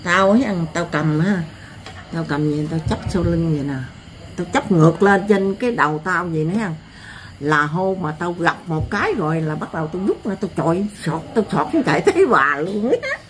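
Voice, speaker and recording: An older woman with a Southern Vietnamese accent, telling stories in a blunt, earthy, animated way as an interviewee. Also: lowish voice, fairly quick, noisy background. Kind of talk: rural storytelling.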